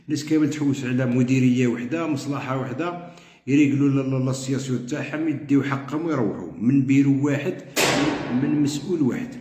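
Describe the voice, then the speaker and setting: A man's voice: mid-range voice, fast, warm tone. A middle-aged man with an Algerian Arabic accent, a veterans' group coordinator, making a heated, repetitive appeal to his members. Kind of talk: impassioned spoken appeal. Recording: roomy echo.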